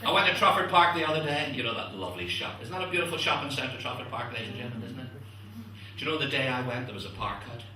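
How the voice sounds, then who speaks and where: A man doing stand-up one-liners in a club, chatting to the audience as ladies and gentlemen. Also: mid-range voice, lively intonation, very fast, a little hiss or hum. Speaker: stand-up comedian. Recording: echoey club from a distance. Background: audience laughter.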